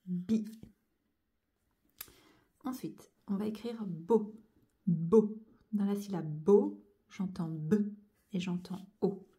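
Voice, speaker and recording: A woman's voice: mid-range voice, unhurried, dark tone. A woman teaching young children to join cursive letters, going over each stroke and sound patiently, one step at a time. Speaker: handwriting teacher.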